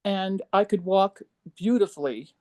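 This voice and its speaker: A woman of seventy giving a personal testimonial, emotional and halting, with many ums and restarts. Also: mid-range voice, mellow. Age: 70s. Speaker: program participant.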